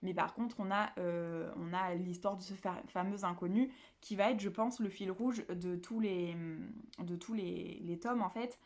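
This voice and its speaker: A woman's voice: on the low side, steady tone, measured pace, a little mellow. A woman from the south of France chatting casually to camera about her books at home, rambling with many fillers and restarts. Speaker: book vlogger.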